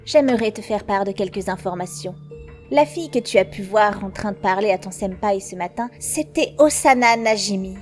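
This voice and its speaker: A woman voicing a sly, composed teenage schoolgirl informant in a French anime fan dub, speaking in a knowing, measured way. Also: medium pitch, animated, soft background music, lightly acted. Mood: scheming.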